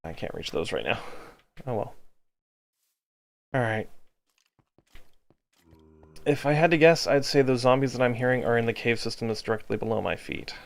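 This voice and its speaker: An exhausted man giving casual gameplay commentary, halting as he thinks aloud to himself. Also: mid-range voice, vocal fry. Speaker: gaming video host.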